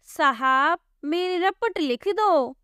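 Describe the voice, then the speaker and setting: A woman's voice: very high voice, animated, slow, sharp tone, no echo, studio quality, voice pushed up, full character voice. A woman voicing a pleading village husband. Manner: pleading, earnest. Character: flustered simple village man, middle-aged. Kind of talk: storybook voice acting.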